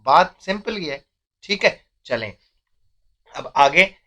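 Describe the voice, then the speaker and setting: A man's voice: a little high, lively intonation, slow, pushed and bright. A young man, teaching a math lesson step by step and often checking in with "theek hai".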